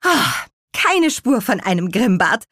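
Woman doing a high eager little witch girl. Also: very animated, normal speed, breathy edge, no echo, clean studio sound. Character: small cheerful young apple witch girl.

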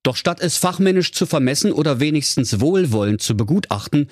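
Husky man reading a comic fairy tale. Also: fairly high pitch, brisk, no room sound, studio quality. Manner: lively, mock-solemn. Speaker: storyteller.

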